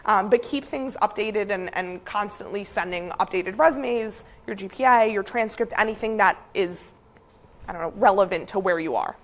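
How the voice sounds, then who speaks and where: A woman gives friendly resume advice to a class, with lots of fillers between her points. Her voice sits at a middle pitch and talks in a relaxed, helpful way. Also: normal speed. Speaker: career advisor speaking to students. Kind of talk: classroom presentation.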